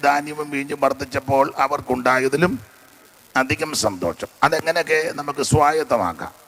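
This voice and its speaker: Preaching man with a strained throat. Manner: swings between loud declaiming and low asides. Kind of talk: Malayalam sermon with singing.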